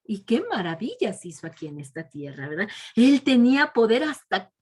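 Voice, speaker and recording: A woman tells a Bible story to children in a fairly high, husky voice. Her pitch rises and falls a lot. She often tags her sentences with a soft question and at times slips into a whisper. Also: sing-song, moderate pace. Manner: keeps adding a soft "¿verdad?" tag; sometimes drops to a whisper.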